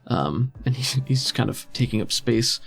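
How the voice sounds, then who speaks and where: A man runs a tabletop role-playing game as game master, describing the scene in an improvised, conversational style over background music. His mid-range voice is animated, creaky and a bit bright, at a normal speed.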